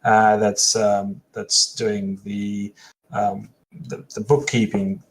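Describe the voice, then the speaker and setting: A man narrating a tabletop role-playing scene as game master, halting with many fillers and restarts. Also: lowish voice, flat delivery, low-quality recording.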